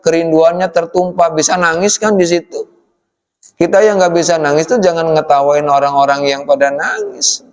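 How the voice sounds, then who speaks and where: A man giving a relaxed study-circle sermon in a mosque, speaking with a tinge, often tagging his lines with "ya" and addressing the men as "Pak". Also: on the high side. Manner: folksy, addresses the audience as "Pak", frequent "ya" tags. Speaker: preacher. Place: mosque hall. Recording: long hall reverb from a mosque.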